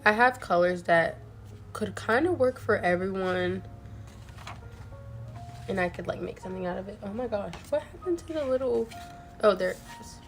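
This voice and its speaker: Crafting at home on a stream, a young woman chats casually and rambles, leaning heavily on "like" as filler. Her medium-pitched voice is expressive and moderately paced with frequent pauses, a bit off from a cold, with faint music behind her.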